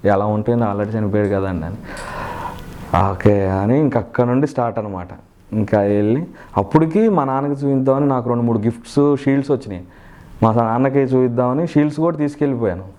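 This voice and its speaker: A young man, a mimicry artist, talking in a casual interview, earnest and lively, now and then breaking into loud high impressions. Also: a little fast.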